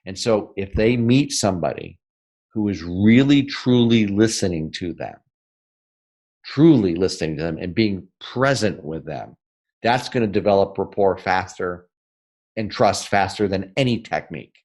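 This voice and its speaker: A deep-voiced man from the northern US explains sales technique as a guest in a podcast interview. He's lively and emphatic, leans on "right?" often, and adjusts his speed to emphasize key points.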